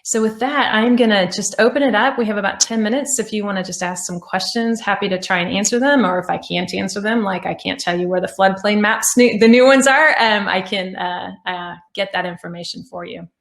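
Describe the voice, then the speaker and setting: A woman's voice: medium pitch, brisk, few pauses. A woman giving an informal, conversational presentation to an online audience, feeling her way through phrases and rephrasing as she goes. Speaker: presenter of an online climate talk. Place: indoor room on an online meeting. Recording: roomy, echoey sound.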